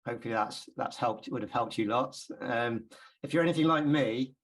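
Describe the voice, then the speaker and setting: A man's voice: medium pitch, moderate pace, a bit bright, poor audio. A man from England giving an informal Bible class talk, chatty and hesitant, with many ums and repeated words.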